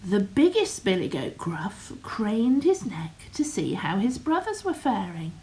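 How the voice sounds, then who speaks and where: An older woman reads a bedtime story aloud at an unhurried, gentle pace. Her voice sits in an ordinary middle pitch and often drops to a soft half-whisper. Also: very animated, poor audio.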